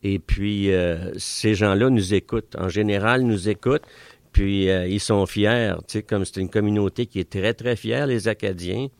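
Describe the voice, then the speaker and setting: An older man from Ontario, Canada, with a Franco-Ontarian French accent, is a guest in a radio studio giving casual interview answers on a studio mic. His fairly low, darkish voice stays steady in tone at a moderate pace, with no room sound. He tends to ramble and fill pauses often.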